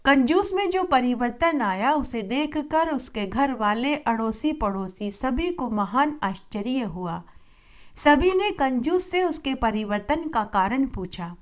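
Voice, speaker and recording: A woman reading a devotional tale aloud and then reciting a long list of sacred names in a steady, measured cadence. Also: a little high. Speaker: devotional storyteller.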